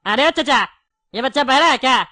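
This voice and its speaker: A woman's voice: high voice, animated, bright, forceful tone, slight background noise. A woman voicing a chatty, wary male candy shopkeeper in a cartoon. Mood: coaxing. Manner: chatty, wary, quick to take offence. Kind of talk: cartoon voice acting.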